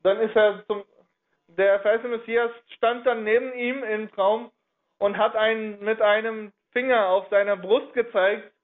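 A man telling a religious history story in a halting way, often reworking his sentences partway through. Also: sits high, fairly even intonation. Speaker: religious speaker. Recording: narrow phone-like audio.

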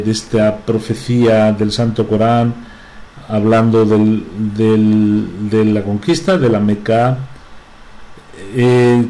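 A man giving a religious talk in a halting way, with frequent restarts and filler sounds. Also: lowish voice, dark tone, low-quality recording. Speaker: religious speaker.

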